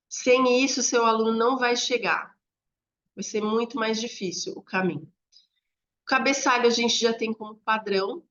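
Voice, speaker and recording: A Brazilian woman training teachers, explaining classroom methods step by step in a conversational way, often checking in with a quick "né?". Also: a little high, fairly bright tone. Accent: Brazilian Portuguese. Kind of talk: instructional talk to teachers. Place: home room near a street. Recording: slightly dull lo-fi audio.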